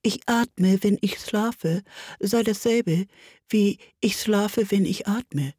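A woman voicing a sleepy little dormouse in a storybook reading, talking slowly and softly as if half asleep. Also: mid-range voice, slightly rough, dry recording, clean studio sound. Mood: drowsy. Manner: slow, soft, half-asleep murmur.

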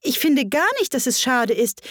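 Woman reader playing a plucky young girl, firm and clear, a little higher than her own voice. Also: expressive, normal speed, dry recording, studio quality. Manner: firm, plainspoken retorts. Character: bold, curious young girl.

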